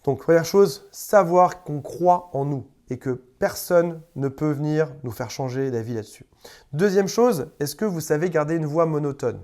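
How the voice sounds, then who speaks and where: A man's voice: fairly high pitch, animated, normal speed, a little mellow. A man speaking as a relationship coach, giving advice straight to camera in a conversational way, addressing the viewer informally and often repeating words. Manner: conversational, repeats words, briefly acts out quoted exchanges.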